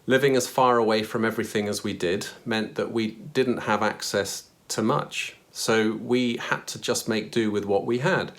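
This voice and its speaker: Earnest, low-voiced man sharing testimony. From Kenya. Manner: earnest, reflective. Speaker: church member giving testimony. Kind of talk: personal faith testimony.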